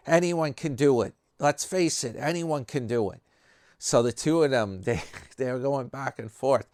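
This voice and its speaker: A man with a New York accent rambles through casual channel commentary at an unhurried, drawn-out pace, circling back on his words. His voice sits fairly low and sounds close and dry, with no room around it. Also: no room sound. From New York area. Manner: rambling, loose, with many fillers and restarts. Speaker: commentary vlogger.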